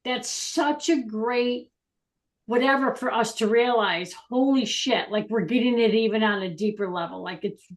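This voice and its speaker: A woman's voice: fairly high pitch, moderate pace. A woman co-hosting a casual talk show, rambling and laughing easily, with filler sounds like "da, da, da.". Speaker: co-host. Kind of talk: casual chat.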